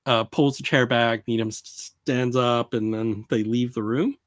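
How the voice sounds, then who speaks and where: A man casually narrating a tabletop game as game master, in a halting, informal way. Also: medium pitch, fairly even intonation, dry recording, studio quality.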